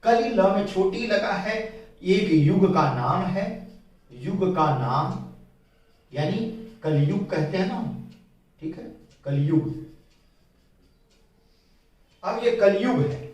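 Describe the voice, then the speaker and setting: Echoey Hindi teacher explaining slowly. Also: male voice, high-pitched, lively intonation, a little mellow. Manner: slow, explanatory, repeats key points. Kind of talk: whiteboard grammar lesson. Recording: very echoey room, mic at a distance.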